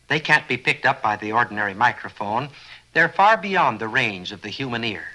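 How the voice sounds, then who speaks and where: A man's voice: medium pitch, animated, moderate pace, pushed and bright, rough recording. A man giving scripted educational documentary narration in an earnest, explanatory way, often posing rhetorical questions. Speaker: film narrator.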